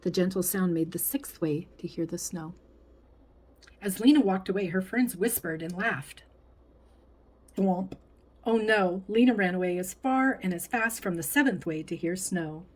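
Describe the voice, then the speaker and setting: A woman's voice: fairly low pitch, moderate pace. Woman reading a picture book aloud. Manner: expressive, with whispered and playful sound words. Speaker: storybook reader.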